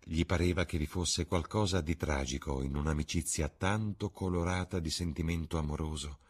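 A man with a very low voice and a husky grain reads a classic novel aloud. He keeps a measured, expressive pace. It is a steady audiobook narration.

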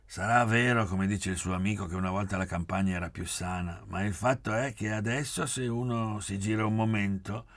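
A man's voice: fairly low pitch, steady tone, brisk, hardly any pauses, fairly bright tone, dry recording, pitched above the performer's own voice. A man voicing a practical, grumbling middle-aged landowner in a literary audiobook. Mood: matter-of-fact. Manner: grumbling and matter-of-fact.

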